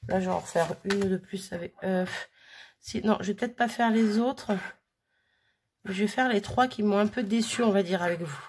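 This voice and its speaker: A woman's voice: mid-range voice, normal speed, a little mellow, a little hiss or hum. A woman chatting casually through a hands-on craft demo, full of fillers and little "hop" sounds as she works. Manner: chatty, filler-heavy, frequent "hop" while working. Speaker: crafting vlogger.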